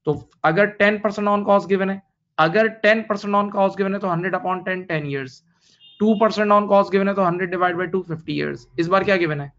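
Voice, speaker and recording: Here the accounting lecturer, a man in his thirties with an Indian English accent, has a high, fairly bright voice and a moderate pace, though the audio sounds dull. He goes over the main points again and again for his students, whom he calls "beta," switching between Hindi and English terms.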